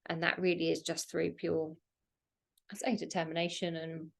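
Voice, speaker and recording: Her voice is low and gravelly, with a level tone and a moderate pace. She's a podcast host in her thirties, keeping things chatty and casual as she prompts her guest with questions between bursts of laughter.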